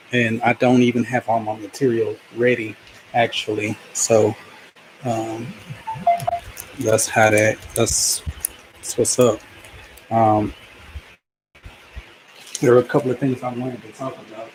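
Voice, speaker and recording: A man in a mid-pitched voice rambling into his own microphone, often pausing on fillers and starting sentences over. A clear wash of background noise sits under the whole recording. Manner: hesitant, lots of fillers and restarts. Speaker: vlogger. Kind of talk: casual rambling monologue.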